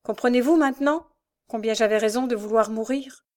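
A woman's voice: fairly high pitch, normal speed, darkish tone, lightly acted. A woman voicing a desperate young woman confessing. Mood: anguished. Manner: pleading, impassioned outbursts. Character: desperate young woman thief, tormented and ashamed.

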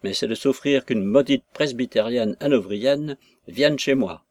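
Bristling old father in a storybook reading, accusing and loud in his questions, as the male narrator puts him on; dry close sound. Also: mid-range voice, unhurried, no echo, close to an everyday voice. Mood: indignant. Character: blustering, quarrelsome old country father.

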